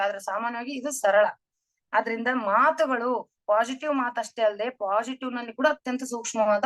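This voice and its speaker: A woman's voice: fairly high pitch, a bit bright, no echo. A middle-aged woman giving an earnest spiritual talk on meditation, explaining terms and quoting her teacher. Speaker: meditation speaker.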